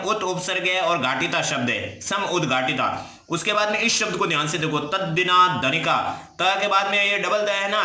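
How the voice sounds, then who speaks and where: A man's voice: high-pitched, sharp tone. A man teaching a grammar lesson word by word, asking questions and answering them himself. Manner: explains word by word, asks and answers his own questions. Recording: echoey room.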